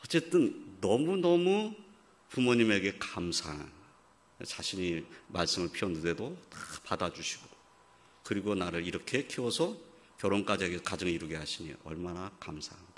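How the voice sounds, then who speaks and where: Man, sermon, low bright voice, quiet halting storytelling, loud emphatic preaching, acts out quoted voices. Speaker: pastor.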